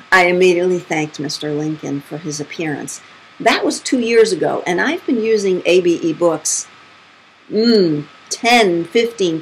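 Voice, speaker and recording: A woman's voice: slightly rough, low-quality recording. A middle-aged woman, a spirit medium, telling her own stories in a chatty, casual way and acting out the quotes. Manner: chatty, acts out quotes with big pitch jumps. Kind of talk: casual storytelling monologue.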